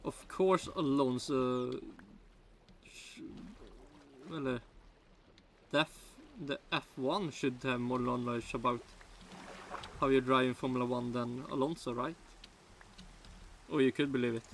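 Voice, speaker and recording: A man's voice: medium pitch, steady tone, unhurried, long pauses, a little hiss or hum. A man from Sweden with a Swedish accent, a native Swedish speaker, rambling in casual reaction commentary with broken English and many restarts. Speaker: streamer reacting to a video.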